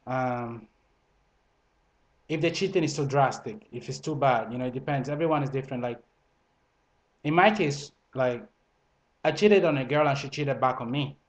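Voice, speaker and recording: A man raised in Italy speaks English with a blended Italian and French accent. He gives casual, meandering relationship advice to the camera, full of fillers and self-corrections, at a medium pitch. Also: moderate pace, long pauses, poor audio. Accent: multilingual, Italian and French mixed into English. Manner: conversational, frequent fillers and restarts. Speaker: vlogger.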